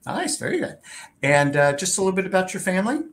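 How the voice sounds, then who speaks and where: A friendly man in his fifties hosts an interview over a webcam from his home office. His voice sits a touch high for a man, and he talks in an upbeat, chatty way with small fillers. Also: sing-song, quick pace. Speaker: host. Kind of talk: video call interview. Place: home office with a wooden door. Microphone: webcam on a video call.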